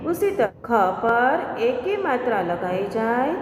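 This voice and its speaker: A woman teacher slowly walking young children through a school lesson, one letter at a time. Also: a little high, sing-song, roomy sound, big-room sound. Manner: slow, patient, drawn-out letter-by-letter explanation.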